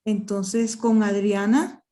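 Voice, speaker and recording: A woman's voice: mid-range voice, steady tone, slow, warm tone. A woman moderating a question session courteously, thanking the speaker and closing the round.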